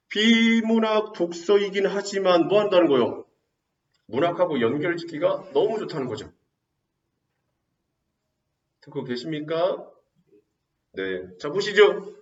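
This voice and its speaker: A male teacher runs an exam-prep lecture, constantly throwing quick rhetorical questions at students and answering them himself. His voice sits fairly high. It is heard from a distance in a roomy space, with a slightly dull sound. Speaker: Korean literature teacher.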